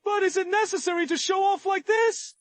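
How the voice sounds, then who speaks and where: A man voicing an excitable, envious Taoist sect elder in an overacted anime dub, with a husky voice and a theatrical, pleading and grumbling manner. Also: mid-range voice, unhurried, full character voice. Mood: exasperated, envious.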